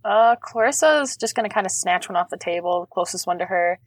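A woman's voice: mid-range voice, animated, brisk, dry recording, clean studio sound. Offhand, reluctant woman player. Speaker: tabletop game player.

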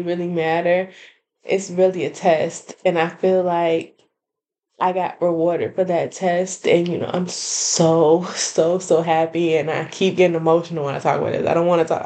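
A woman hosting her own podcast, chatting casually and excitedly to her listeners with lots of fillers and laughter. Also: fairly low pitch. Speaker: podcast host. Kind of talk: casual solo podcast update.

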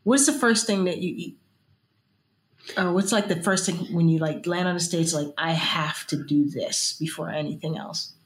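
A woman hosting a casual chat, bubbly and quick to laugh. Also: on the low side, reverberant, slight background noise, poor audio. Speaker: host.

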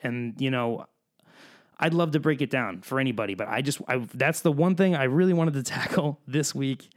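Man, solo podcast host, musician, blunt, ranting, medium pitch. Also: normal speed. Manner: blunt, ranting, then reassuring.

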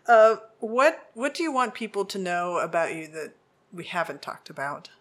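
A woman's voice: lowish voice, very animated, a little slow. Appreciative woman podcast host. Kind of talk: casual podcast interview.

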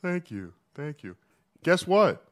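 A man calling in as a guest, his voice run through heavy board reverb like a vintage echo chamber, joking in a deadpan way. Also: on the high side, slow. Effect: heavy reverb from his own mixing board, a vintage echo chamber sound.

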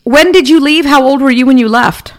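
A woman's voice: high voice, a little fast. A woman hosting a podcast, asking questions in a friendly, enthusiastic way. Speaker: podcast host. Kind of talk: podcast interview.

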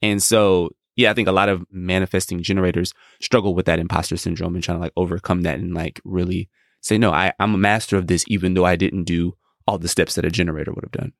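A man co-hosting a podcast, explaining things in a reflective, measured way in casual chat. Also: deep voice, little pitch movement, no room sound, clean studio sound.

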